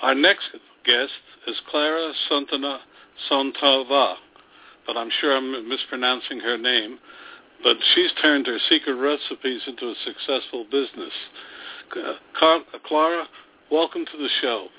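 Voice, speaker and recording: A man hosting a radio interview show, speaking haltingly with many ums and restarts. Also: medium pitch. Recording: phone-like band.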